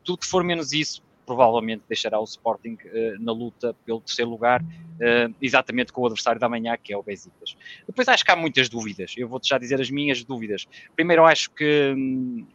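A man with a European Portuguese accent talks football at a brisk clip, setting out his analysis one point after another. The audio is muffled and lo-fi. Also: mid-range voice, bright, forceful tone, no echo. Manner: analytical, lays out points in order. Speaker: football commentator guest. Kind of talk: casual football analysis chat.

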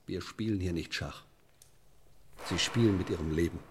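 In a German radio drama, an actor plays a sardonic, menacing Elizabethan English sheriff, officious and mock-polite, stressing his words deliberately. The low male voice is only lightly acted, with a little hiss or hum in the recording and a mood of mock-polite menace.

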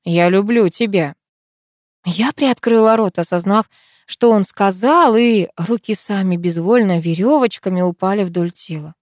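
A woman reading a first-person novel aloud in a measured, expressive storytelling voice. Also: mid-range voice, dry recording, clean studio sound. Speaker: audiobook narrator. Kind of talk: first-person audiobook narration.

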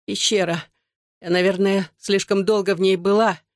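A weak, feverish girl pleads in a hoarse near-whisper, put on by a woman reading a storybook. The voice sits a bit higher than the reader's own and sounds close and dry, with no room around it. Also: fairly even intonation, normal speed, no echo, lightly acted.

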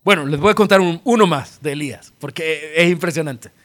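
A male pastor with a Salvadoran accent preaches a sermon and retells Bible stories with lively humor. His voice sits clearly high for a man, and his delivery is animated. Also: brisk. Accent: Salvadoran Spanish.

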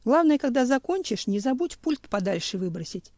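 Woman reading joking laid-back crew guy, mellow voice, dry close mic. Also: a little high, big pitch swings, normal speed, dry recording. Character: joking male crewman, easygoing and cheeky.

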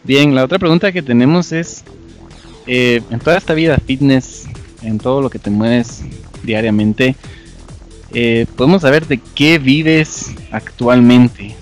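Measured in pace and medium in pitch, this man hosts a podcast from Guatemala, speaking Guatemalan-accented Spanish. Faint music sits behind his voice as he conducts a casual interview, enthusiastic and long-winded.

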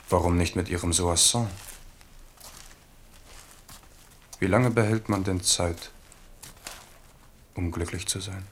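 A man's voice: low-pitched, slight background noise. An actor playing a worldly, passionate and commanding king in a radio drama. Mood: brooding, reproachful. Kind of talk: 1970s German radio drama acting.

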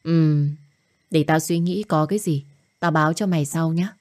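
A woman voicing a young woman who is the blunt, worried best friend, talking fast and scolding. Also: sits low, a little mellow, natural voice.

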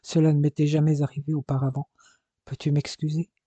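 A man voicing an ardent grown man in love, speaking softly and earnestly in a storybook reading. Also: a little high, little pitch movement, fairly quick, husky, no echo, lo-fi sound. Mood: tender.

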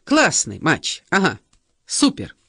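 Audiobook bit: woman reading a jittery, too-loud male math teacher, bouncy pitch. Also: wildly swooping pitch, takes it slowly, creaky, slightly rough, no room sound, clean studio sound, full character voice. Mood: boisterous. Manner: blurting, yelps louder than needed.

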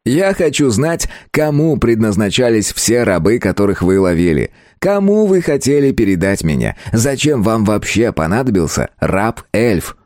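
A cruel elf prince, raised and mocking, calm while he threatens, as a man reading an audiobook puts him on. The lilt swings widely up and down, dry and close. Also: on the low side, normal speed, hardly any pauses, no room sound, pitched above the performer's own voice. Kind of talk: audiobook character voice.

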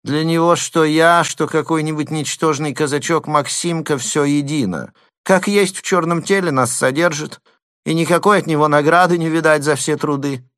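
A man's voice: on the high side, fairly even intonation, moderate pace, a bit bright, dry recording, studio quality, voice pushed up, close to an everyday voice. A man voicing a greedy young man who lisps and whines, almost in tears. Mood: complaining. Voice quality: lisping. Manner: wailing, near tears.

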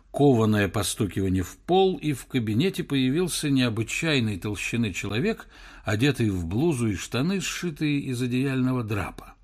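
Animated male audiobook narrator. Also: mid-range voice.

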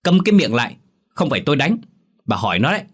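Man doing a gruff, shouting village father. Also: on the low side, very animated, racing, full character voice. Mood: angry. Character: hot-tempered middle-aged village father, shouting.

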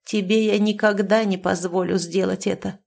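A woman voicing a grieving old forest witch with a hoarse, resigned, quietly grumbling voice, read from a storybook. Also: medium pitch, steady tone, moderate pace. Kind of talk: storybook reading.

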